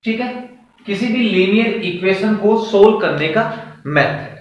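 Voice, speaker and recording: Slow high-voiced male teacher, echoey. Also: lively intonation. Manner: slow, step-by-step explaining with questions to students. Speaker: maths teacher. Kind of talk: classroom maths lesson. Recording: echoey room, far from mic.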